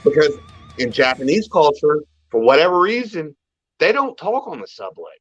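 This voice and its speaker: A man co-hosting a podcast who rambles through crude casual chat and keeps trailing off and restarting his sentences. His voice sits a little high. The sound is slightly dull and muffled, with faint music underneath. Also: sing-song, moderate pace, husky, no room sound. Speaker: podcast co-host.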